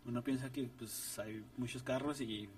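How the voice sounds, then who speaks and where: A man's voice: mid-range voice, moderate pace. A young man from Ciudad Juárez, a ska musician telling a story in casual, slangy chat and acting out the voices of the people in it. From Ciudad Juárez, Mexico. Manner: slangy, animated retelling with voiced quotes. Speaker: ska band musician, guest. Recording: distant mic with faint noise.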